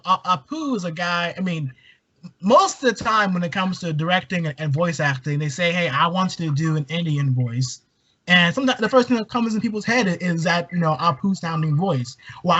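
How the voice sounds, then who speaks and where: A man from Maryland in a casual podcast chat, talking in a rambling, animated way with lots of fillers. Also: sits high. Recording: dull lo-fi sound with faint hiss.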